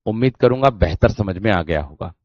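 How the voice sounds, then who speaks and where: A man's voice: lowish voice, animated, fairly quick, no echo. Male teacher, online grammar class, repetitive friendly address, says syllables aloud, dry muffled recording. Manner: addresses students warmly as dear friends, repeats phrases; demonstrates sounds aloud, repeating syllables. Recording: dull dry lo-fi sound.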